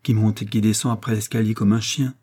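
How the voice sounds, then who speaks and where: A man's voice: lowish voice, flat delivery, fast, mellow, husky. Man reading as a doting young woman. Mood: tender coaxing. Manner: tender, coaxing, playful. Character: affectionate young woman doting on her mother.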